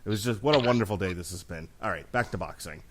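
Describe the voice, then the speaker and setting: A man's voice: sits low, fast. A man hosting a boxing commentary show, talking casually with joking, mock-formal flourishes. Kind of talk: casual sports talk, joking introductions.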